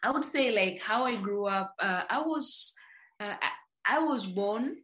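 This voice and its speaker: A Tanzanian woman who founded a company reflects on her life story as a guest on a casual podcast interview, often restarting sentences and using many fillers. Her mid-range voice is fairly bright, with lively intonation and an unhurried pace.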